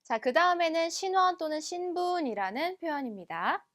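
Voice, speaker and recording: A woman teaching a French lesson, explaining step by step and slowly repeating each word twice. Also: extremely high pitch, animated, fairly bright tone. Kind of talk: recorded language lesson.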